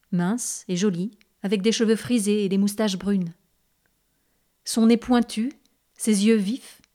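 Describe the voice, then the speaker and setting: A woman with a medium-pitched voice narrates a classic novel aloud as an audiobook, keeping her delivery steady and measured.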